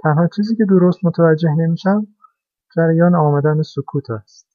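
A man's voice: fairly high pitch, lively intonation, dry recording. A man voicing a small, timid toy car that whines and insists in a childlike way, as a storybook character. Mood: indignant. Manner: whiny, insistent, easily frightened. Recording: dry, dull lo-fi recording.

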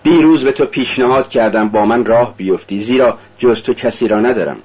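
A man's voice: mid-range voice, a little mellow, husky, muffled recording, natural voice. A man voicing a tormented young man confessing. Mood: despairing. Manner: intense, confessional. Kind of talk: audiobook reading.

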